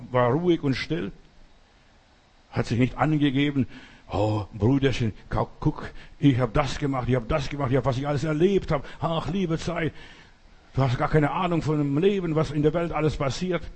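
A man's voice: a little high, darkish tone, breathy edge. A man preaching an emphatic sermon and acting out the quoted voices.

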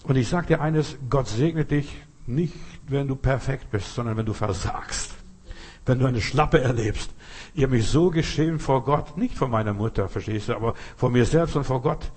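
At normal speed, a man with a medium-pitched, slightly mellow and rough voice preaches. He speaks directly to the listener, keeps asking "you understand?", and lifts his voice suddenly for emphasis.

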